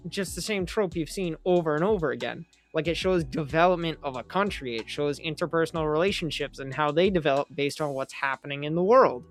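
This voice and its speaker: A young man talking casually in a review vlog, rambling with animated asides and quick jokes. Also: fairly high pitch. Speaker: manga reviewer. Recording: faint music underneath.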